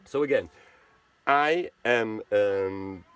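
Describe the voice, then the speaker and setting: A Swiss man with a low voice yet a fairly bright, smooth tone hosts a charity video channel. Speaking in a casual monologue, he stumbles along haltingly, searching for words, with plenty of fillers and restarts.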